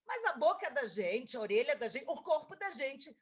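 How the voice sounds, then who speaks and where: Animated woman telling a story to kids. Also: sits high, moderate pace, a loud crowd. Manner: lively and expressive, coaxing a child along. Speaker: children's book author, guest. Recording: dull lo-fi recording.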